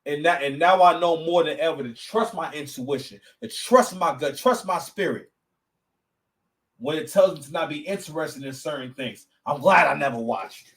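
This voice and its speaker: A man hosting a podcast, reacting to clips in a rambling, mocking, animated way. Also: on the high side, moderate pace, distant mic, poor audio. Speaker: podcast host. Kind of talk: casual reaction commentary.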